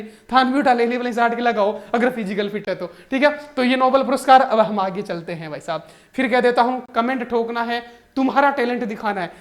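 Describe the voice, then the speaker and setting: A man, teaching exam current affairs through jokey mnemonics in an animated, playful way. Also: extremely high pitch. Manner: animated and joking, keeps calling the viewer brother. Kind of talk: comic mnemonic lesson.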